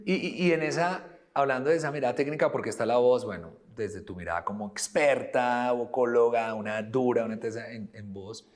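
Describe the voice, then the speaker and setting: A man's voice: medium pitch, a little fast, few pauses. A man hosting an interview, asking long, layered questions with restarts and the odd laugh. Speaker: host and founder of a voice-training studio.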